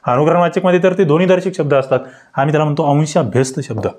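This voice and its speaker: A man tutoring for government job exams, explaining grammar questions to viewers with rhetorical questions and sharp upward leaps in pitch on key words. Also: fast talker. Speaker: exam-prep tutor. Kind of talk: online grammar lesson.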